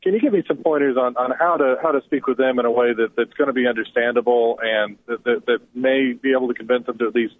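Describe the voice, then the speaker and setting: A man's voice: medium pitch, fast talker, hardly any pauses. A man calling in to a radio show over a Bluetooth phone line, asking a question hesitantly and repeating words as he searches for phrasing. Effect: caller heard over a Bluetooth phone line. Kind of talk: call-in question. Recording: tinny phone-line call audio.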